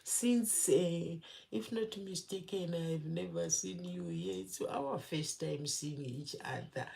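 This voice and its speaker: A woman's voice: on the low side, slow pace, creaky, mellow. A young woman hosting a casual live stream, chatting with viewers, greeting them by name and laughing often. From Zimbabwe. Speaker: livestream host.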